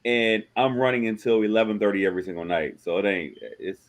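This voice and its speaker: Joking forty-something man, lowish voice. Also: quick pace. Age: 40s. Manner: joking, animated storytelling. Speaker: host. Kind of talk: casual chat.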